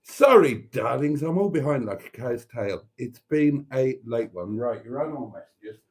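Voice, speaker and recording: A man's voice: medium pitch, expressive, normal speed. A British man hosting a livestream in a campy drag-queen manner, rambling and cheeky, full of flustered exclamations, swearing and saucy innuendo. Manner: flustered, self-interrupting, sweary. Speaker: host of an after-party livestream.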